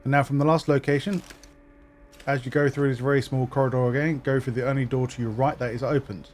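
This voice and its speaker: A man's voice: medium pitch, fast, slight background noise. A man talking viewers through a game walkthrough step by step, explaining where to find items. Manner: instructive, step-by-step, steady. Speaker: gaming guide narrator. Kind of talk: walkthrough commentary.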